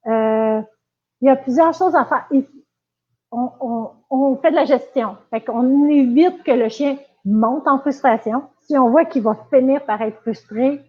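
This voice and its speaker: Chatty Québécois woman on tinny audio. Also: fairly high pitch. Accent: Quebec French. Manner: casual, chatty, many fillers and restarts. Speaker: dog trainer. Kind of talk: live-stream Q&A lesson.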